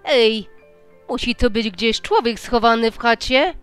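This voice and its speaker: A woman voicing a suspicious elder witch sister who gives forceful, loud commands, in a slow storybook reading. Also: on the high side, clean tone, soft background music. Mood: commanding.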